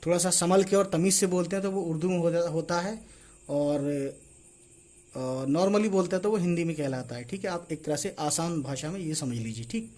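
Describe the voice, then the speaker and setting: A man's voice: fairly high pitch, brisk, darkish tone. A man teaching reading as a casual online lesson, spelling out letters and checking in after each point. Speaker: Urdu teacher.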